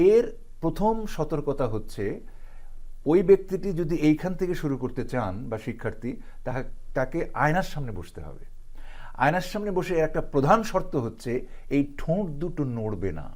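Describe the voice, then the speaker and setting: A man's voice: fairly high pitch, a little mellow. A man working as a pronunciation trainer, explaining and demonstrating vowel sounds aloud. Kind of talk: explanatory lesson.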